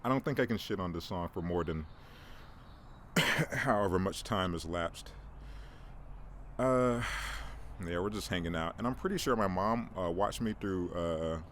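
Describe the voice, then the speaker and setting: A man hosting a casual podcast outdoors in the cold, rambling in an animated way with many stumbling restarts. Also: low voice, a little hiss or hum. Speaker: podcast host.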